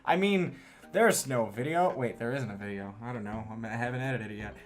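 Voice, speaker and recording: A man's voice: mid-range voice, brisk, faint music behind. Joking man co-hosting a casual podcast. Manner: jokey, riffs with silly voices. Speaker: podcast co-host. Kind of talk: casual comedic banter.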